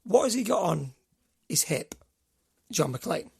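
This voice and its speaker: Guy around middle age, real raspy, kinda high voice, just chatting away and going off on tangents. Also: very animated, slow pace, a little mellow. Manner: chatty, rambling storyteller. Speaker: podcast co-host. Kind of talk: casual chat.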